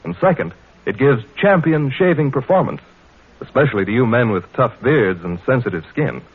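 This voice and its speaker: A man's voice: medium pitch, expressive, normal speed, breathy edge. An American man reading a 1940s radio advert as announcer, with punchy, emphatic old newsreel salesmanship. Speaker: commercial announcer. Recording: tinny, narrow vintage radio recording.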